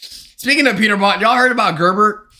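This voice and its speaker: A man's voice: sits high, fairly quick, sharp tone. A young man chatting casually and ramblingly with his viewers as a live streamer, talking into his streaming mic. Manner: rambling and slangy, calls viewers bro and y'all.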